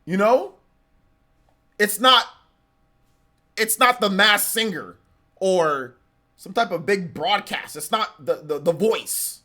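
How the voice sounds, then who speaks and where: A man in his mid-forties hosts a live reaction stream and rants at length. His voice is bright and cutting. He sounds exasperated and circles back over the same points. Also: sits high, animated, slow, long pauses. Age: 40s. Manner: ranting, repetitive, exasperated. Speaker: livestreamer.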